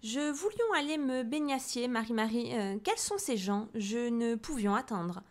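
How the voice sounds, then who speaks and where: A haughty lioness queen, as a woman puts her on, with a short temper and a pitch pushed well up. She speaks in grand, affected tones, mangling her verbs with total confidence. It is a storybook queen who expects everyone to obey at once. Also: lively intonation, a little slow. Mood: imperious. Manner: grand, affected speech with wrong verb forms.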